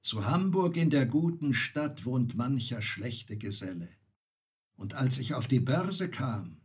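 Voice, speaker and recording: A man voicing a weary, mocking knight back from his travels, recited slowly and dryly as poetry. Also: mid-range voice, husky, heavily acted. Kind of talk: poetry reading.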